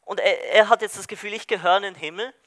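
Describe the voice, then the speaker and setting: A man's voice: sits high, fast talker, fairly bright tone, no room sound, studio quality. A man preaching a sermon, retelling a story in a searching way with hesitant restarts.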